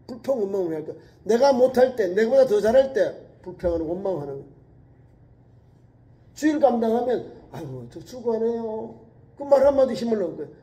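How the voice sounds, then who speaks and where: High, dark-voiced preaching man. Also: expressive, quick pace. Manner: emphatic preaching with repeated exhortations; swings between raised urgent lines and low quiet asides. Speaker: pastor. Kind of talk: sermon at a midweek prayer service.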